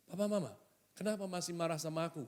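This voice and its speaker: A man doing a soft, whiny pleading child. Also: fairly high pitch, quick pace, natural voice. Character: whiny, self-justifying child pleading with parents. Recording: echoey hall.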